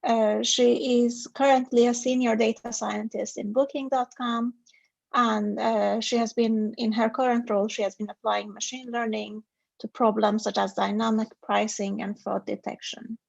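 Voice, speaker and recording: A woman hosts an online event and introduces the next speaker, reading a bio with small hesitations. Her voice is higher than average with gravelly fry and a husky edge. The sound is dull and dry. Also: level tone, normal speed, dry recording. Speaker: event host.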